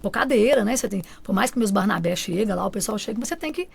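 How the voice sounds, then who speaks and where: Her voice is medium-pitched, quick and gravelly, with a crowd audible in the background. As a guest in a radio studio, this woman tells an emotional testimony from her own life, animatedly acting out much of what family and friends said.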